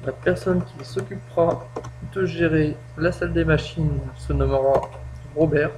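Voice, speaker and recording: A man's voice: fairly even intonation, a little slow. A man hosting a casual gameplay tutorial, explaining step by step and joking at his own expense. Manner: chatty, self-mocking, explains step by step. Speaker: gaming tutorial host. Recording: low-quality home mic with faint hum.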